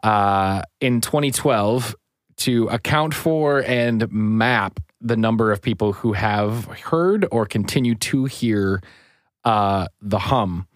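A man's voice: lowish voice, takes it slowly, dry recording, clean studio sound. A man co-hosting a podcast in casual chat, joking and a bit self-deprecating. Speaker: podcast co-host.

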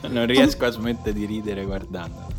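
A man chats informally as a podcast co-host. His voice sits low, and music plays faintly behind it. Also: normal speed. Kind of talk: casual chat.

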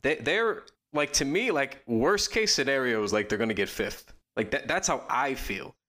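A man co-hosting a podcast, talking casually about basketball in a quick, rambling way with lots of fillers and restarts. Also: mid-range voice, expressive, bright, forceful tone. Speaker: podcast co-host. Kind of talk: casual sports chat.

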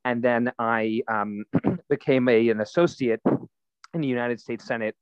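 A man's voice: medium pitch, a little slow, clear, resonant tone, no room sound. Man telling his story, dry lo-fi sound. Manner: relaxed storytelling, frequent fillers. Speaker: guest, nonprofit founder. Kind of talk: conversational interview answers.

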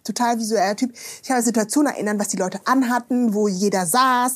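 A woman guest on a podcast, chatting casually and telling lively stories that act out what people said. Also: on the high side, fast talker. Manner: lively storyteller, acts out quoted dialogue, frequent tag questions.

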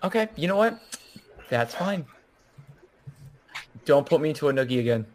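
A man's voice: on the high side, very animated, normal speed, a little hiss or hum. A man playing a tabletop role-playing game with casual, mock-indignant banter.

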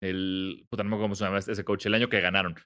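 A man's voice: low-pitched, level tone, racing, sharp tone. A man with a Mexican accent, co-hosting a casual sports podcast, chatty and swearing offhandedly. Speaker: podcast co-host.

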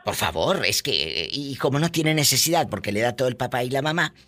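A man's voice: medium pitch, big pitch swings, brisk, sharp tone. A man hosting a live radio call-in show, flamboyant, gossipy and teasing.

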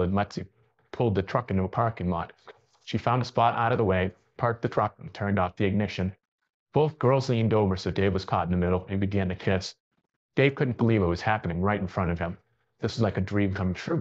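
Brief: low-pitched male storyteller, steady read, muffled lo-fi sound. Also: brisk. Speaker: narrator. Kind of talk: reading a story aloud.

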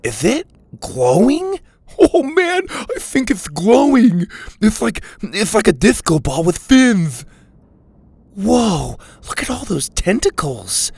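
A man's voice: on the high side, lively intonation, moderate pace, creaky, no echo, pitched above the performer's own voice. A man voicing a brash teenage boy in a storybook reading, teasing and mocking. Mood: excited. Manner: needling, mocking.

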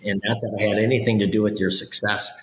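Lowish man in a roomy, reverberant space. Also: level tone, fast. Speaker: podcast guest. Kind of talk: casual interview chat. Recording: roomy echo with long reverb.

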